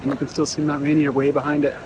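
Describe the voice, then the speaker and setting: A man's voice: a little high, level tone, quick pace, muffled recording. A middle-aged man narrating a casual walking-tour vlog outdoors, enthusiastic and offhand about the details. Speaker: visitor filming a walking campus tour. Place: outdoors walking, some indoor stretches. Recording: outdoor urban noise, traffic ambience.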